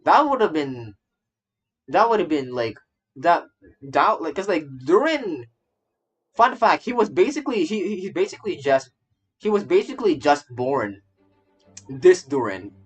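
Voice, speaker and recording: With game music in the background, a streamer reacts to a game's story, his slightly high voice sing-song and a bit rough. He's unhurried and leaves long pauses. His casual commentary rambles, full of stammers and repeated phrases.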